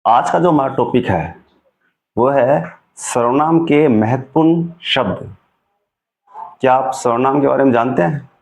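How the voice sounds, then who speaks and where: A man's voice: mid-range voice, measured pace, creaky, low-quality recording. A man teaching a Sanskrit lesson, explaining patiently and often checking with his viewers. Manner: patient, repeats and checks with "ठीक है?". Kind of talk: slow explanatory classroom lesson.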